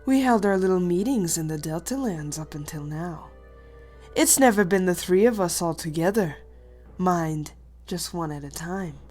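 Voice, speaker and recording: A woman voicing a commanding dragon queen in an animated fantasy, imperious, measured and smoothly condescending. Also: on the low side, faint music behind, natural voice. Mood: condescending welcome. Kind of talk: animated fantasy drama acting.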